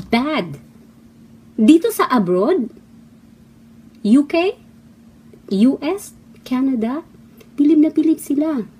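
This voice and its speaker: Middle-aged woman, from the Philippines, heated scolding rant, husky mellow voice, fairly high pitch. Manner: heated, scolding, rhetorical questions, mocking. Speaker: former actress giving opinions. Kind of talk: impassioned monologue. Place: abroad, away from the Philippines.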